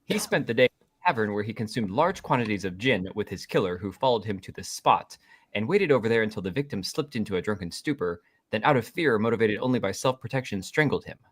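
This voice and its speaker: A man reading the part of an android detective playing Sherlock Holmes at a live script table read, with a measured, explanatory delivery. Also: lowish voice, expressive, breathy edge. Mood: deducing.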